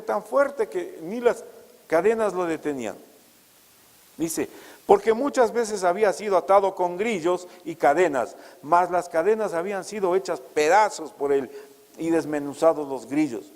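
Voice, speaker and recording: A male pastor preaching a sermon, asking rhetorical questions and rising loud and high for emphasis. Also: big-room sound, low-quality recording.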